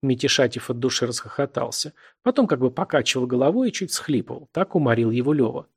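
Man reading a novel out loud, gravelly husky voice, steady audiobook narration. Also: medium pitch, fast.

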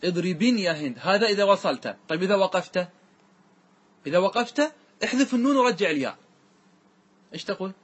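Male grammar teacher, husky voice pitched a bit high, quizzes the class and chants verses slowly. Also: expressive, a bit bright. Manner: quizzes students with quick questions; recites verses slowly and drawn-out. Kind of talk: classroom lesson.

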